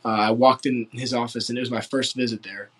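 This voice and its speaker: A man's voice: medium pitch, flat delivery, fairly quick, poor audio. A man in his late teens from West Virginia, answering interview questions in an earnest, rambling way full of filler words. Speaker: football recruit interviewee.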